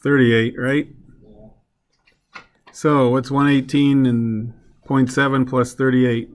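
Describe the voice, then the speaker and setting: A male chemistry teacher lecturing in a classroom. He talks slowly and leaves room between phrases, with a mid-range voice. He keeps stopping to put questions to the class as he works a problem through. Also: medium pitch, level tone.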